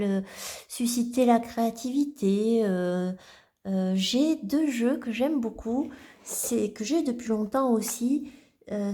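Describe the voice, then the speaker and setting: Woman vlogger, slow and mellow, hesitant with lots of restarts, casual show-and-tell. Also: a little high. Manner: hesitant, halting, many restarts and fillers. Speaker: vlogger presenting her card decks.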